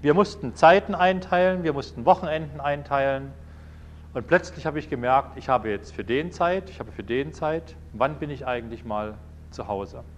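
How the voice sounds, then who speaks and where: A man delivers a sermon at a medium pitch, acting out short exchanges in different voices. His talk is anecdotal and lively. Faint background noise sits under the recording. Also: moderate pace. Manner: anecdotal, acts out dialogues in varied voices. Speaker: preacher.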